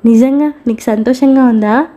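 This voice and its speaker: A woman voicing a young village wife in a read-aloud story, speaking her lines softly and plainly. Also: on the high side, normal speed, natural voice. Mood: tender. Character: young village wife Bala, anxious then tender.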